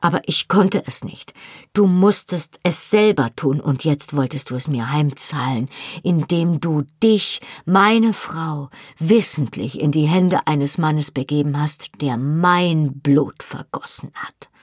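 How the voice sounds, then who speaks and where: Jamie, a woman voicing a fierce Highland husband. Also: takes it slowly, no room sound, clean studio sound, full character voice. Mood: angry. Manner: low, rough with passion. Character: fierce young Highland husband, proud and wounded.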